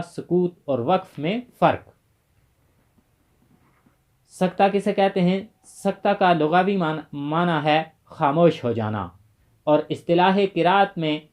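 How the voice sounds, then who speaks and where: A man's voice: on the high side, a little mellow. A man giving an exam-prep tajweed lesson, listing rules by number and defining each term with care. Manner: methodical, lists points by number and defines terms. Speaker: tajweed teacher.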